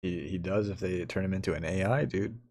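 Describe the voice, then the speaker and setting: A man's voice: sits low, brisk, over a noisy crowd. A young man co-hosting a casual podcast, rambling with many fillers and frequent laughter. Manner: rambling, giggly, lots of fillers. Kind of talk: casual chat.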